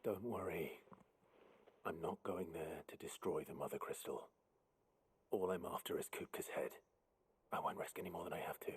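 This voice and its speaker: A male actor playing a resolute, brooding young fantasy hero in a video game, husky and grave, with terse, restrained delivery. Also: low-pitched, normal speed, pauses often. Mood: grave, reassuring.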